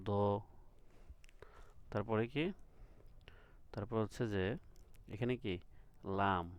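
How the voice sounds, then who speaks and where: A man's voice: on the low side, darkish tone, dry recording. A man teaching letter sounds to beginners, patiently repeating each sound and checking with questions. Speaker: Quran reading teacher. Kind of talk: recorded lesson.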